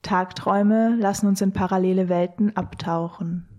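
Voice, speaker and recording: A woman guiding listeners on a scripted audio walk, speaking in a slow, dreamy, poetic way. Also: medium pitch, fairly even intonation, warm tone. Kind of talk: scripted narration.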